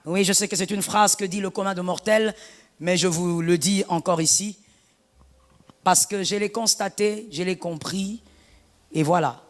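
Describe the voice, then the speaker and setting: A middle-aged woman pastor delivering a sermon, animated and half-singing some phrases, breaking into shouts. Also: fairly low pitch, unhurried, long reverb tail. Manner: animated preaching, lapsing into sung phrases and shouts.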